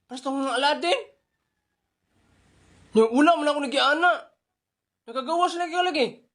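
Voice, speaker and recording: A man's voice: very high-pitched, moderate pace, fairly bright tone. A man voicing a brash, teasing genie from a bottle who grants wishes.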